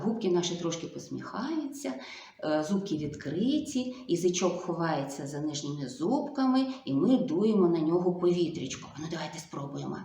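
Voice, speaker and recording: A woman speech therapist giving a video lesson to young children, slow and coaxing, full of sing-song diminutives. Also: medium pitch, mellow. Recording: echoey room.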